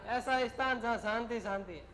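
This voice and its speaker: A man's voice: extremely high pitch, moderate pace, noisy background. A male teacher giving a classroom grammar lesson, dictating words and explaining them in short, repeated phrases.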